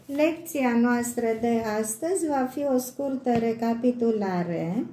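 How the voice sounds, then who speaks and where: A woman's voice: fairly high pitch, a little slow, warm tone, a little hiss or hum. A middle-aged woman, a native Romanian speaker with a Romanian accent, teaching small children in simple repeated questions and answers, as if reading to a toddler. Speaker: preschool English teacher. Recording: roomy indoor echo.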